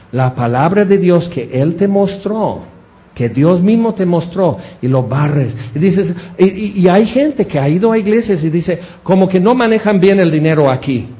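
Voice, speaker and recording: A man preaches with a high yet mellow voice. He acts out quotes, mimics people with playful impressions and jokes with his congregation. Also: expressive, unhurried. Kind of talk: sermon.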